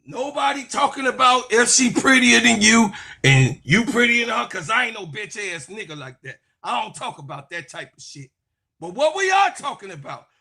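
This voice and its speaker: Fired-up sports show guy yelling his take, lots of swing in his voice, tense bright tone. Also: very high-pitched, creaky, breathy edge. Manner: fiery, profane, repeats phrases, often shouting. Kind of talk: heated sports commentary rant.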